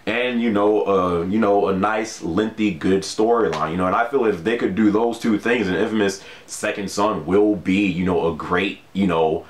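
A man's voice: fairly low pitch, normal speed, few pauses, roomy sound. A man vlogging casually about video games, chatting loosely with lots of fillers and frequent laughs. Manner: laid-back, laughs often, many fillers like "you know". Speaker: gaming vlogger. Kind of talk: casual talk to camera.

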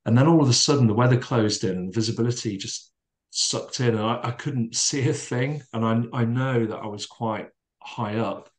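Calm, low-voiced man telling a story. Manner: calm, measured, with many restarts and fillers. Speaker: podcast guest. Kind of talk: reflective storytelling in conversation.

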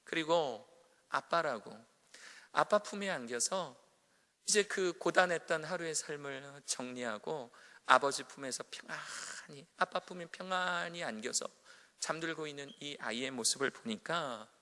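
Bright-voiced pastor preaching in an echoing hall. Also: male voice, a little high, unhurried. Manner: storytelling, swinging from loud emphasis to hushed, near-whispered prayer. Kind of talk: sermon. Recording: echoey hall reverb.

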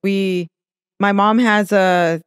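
Soft-spoken, hesitant man, smooth clear voice. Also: high voice, fairly even intonation, dry recording, clean studio sound. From born in Mexico, raised in California. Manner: soft-spoken, hesitant, reflective, frequent pauses. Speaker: guest, restaurant entrepreneur. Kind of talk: casual interview conversation.

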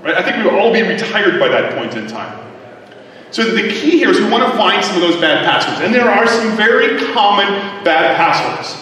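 A man giving a conference talk to a live audience, joking and tossing quick asides to the crowd. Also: sits high, very animated, pushed and bright. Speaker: conference speaker. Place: large conference hall. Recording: echoey hall from far off.

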